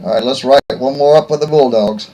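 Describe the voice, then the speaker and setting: A man hosting his own show, telling a rambling story in a folksy, rough-spoken, joking way. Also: medium pitch, a little fast, mellow, rough recording. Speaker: host. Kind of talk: casual rambling monologue.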